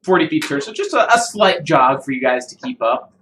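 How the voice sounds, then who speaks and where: A man narrating as dungeon master in a relaxed, conversational way. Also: on the high side, brisk, slight background noise, poor audio. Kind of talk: narrating a tabletop game.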